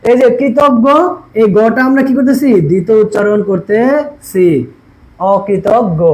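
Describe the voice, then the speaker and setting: A young male teacher with a very high voice. He walks through each rule step by step and asks his students questions that he answers himself. He says each word slowly, over and over. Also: a little mellow, low-quality recording. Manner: repeats words slowly to drill pronunciation. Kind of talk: exam-prep lesson.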